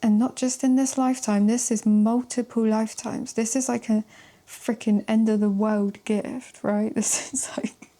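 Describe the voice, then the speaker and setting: Slow-talking woman reading tarot. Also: a little high, flat delivery. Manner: chatty and emphatic, casual swearing, slips into soft whispers. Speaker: tarot reader. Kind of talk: casual tarot love reading to camera.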